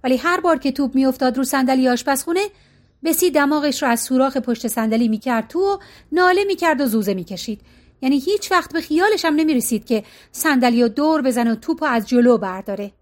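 A woman's voice: sits high, lively intonation. Woman reader as an old man, dry and rambling, in a storybook reading. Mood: wry. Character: old man, stubborn, wry and talkative.

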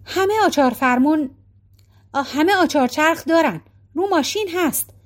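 A woman's voice: sits high, close to an everyday voice. A woman reading a storybook voicing an impatient middle-aged husband who keeps asking pointed questions. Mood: exasperated.

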